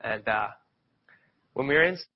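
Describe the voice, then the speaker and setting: Sniffling slightly from a cold, a lay preacher from the Philadelphia area of Pennsylvania gives a conversational, informal sermon full of rambling stories and restarts. His medium-pitched voice has lively intonation, normal speed and a slightly rough quality. The recording is dull and lo-fi.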